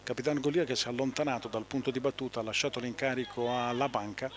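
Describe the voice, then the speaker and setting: A man with an Italian accent giving live play-by-play football commentary outdoors, halting at times to fill in details. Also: mid-range voice, fairly even intonation. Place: outdoors beside a small football pitch.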